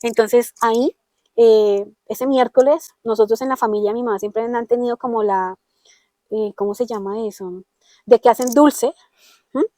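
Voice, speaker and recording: A woman's voice: a little high, fairly even intonation, normal speed, mellow, dry recording. A woman with a Colombian accent giving an earnest personal testimony, often acting out the dialogue she quotes. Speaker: interviewee telling her testimony.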